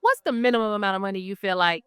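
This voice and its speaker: A woman's voice: medium pitch, lively intonation, very fast, fairly bright tone, smooth, no echo, studio quality. A woman hosting an interview, asking curious questions in a loose, conversational way.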